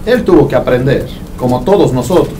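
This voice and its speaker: A man's voice: medium pitch, lively intonation, brisk, dark tone, far from the mic, a little hiss or hum. A man preaching a sermon to a congregation in a conversational way, joking with them as he goes. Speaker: pastor. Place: church hall.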